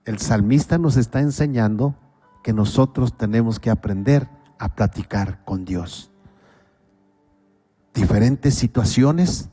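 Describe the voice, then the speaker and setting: A man with a Mexican accent preaching a sermon as pastor, asking rhetorical questions and swinging between loud pleas and quiet low asides. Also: in a large hall.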